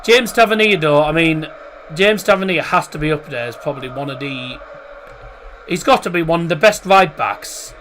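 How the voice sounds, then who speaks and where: A man hosting a casual live football watchalong, pronouncing his R's like W's, chatty and halting as he corrects himself. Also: fairly high pitch, a bit bright, faint music behind. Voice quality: can't pronounce R's, says them as W. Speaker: football watchalong streamer and host. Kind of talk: casual live match commentary and chat.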